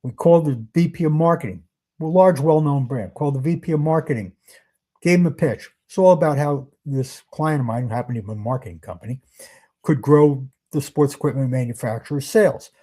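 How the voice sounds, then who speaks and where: A man's voice: medium pitch, fairly quick, dark tone. A man leading a sales workshop in a conversational, emphatic way, asking his listeners rhetorical questions. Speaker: sales trainer. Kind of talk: workshop presentation.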